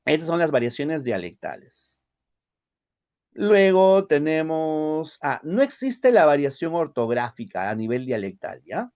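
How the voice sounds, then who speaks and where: A man from the Peruvian highlands with a Lima accent, lecturing a language class and often checking in with short tag questions. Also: very animated, measured pace, darkish tone. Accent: Lima Spanish. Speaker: language teacher.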